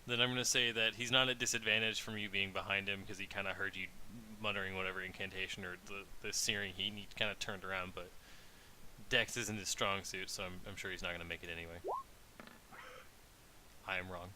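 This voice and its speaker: A man with a low, sharply bright voice narrates a tabletop game as the dungeon master. He rambles in a relaxed way, full of ums and likes. A faint hiss runs under the recording. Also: fairly quick, low-quality recording. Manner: relaxed, rambling with many fillers.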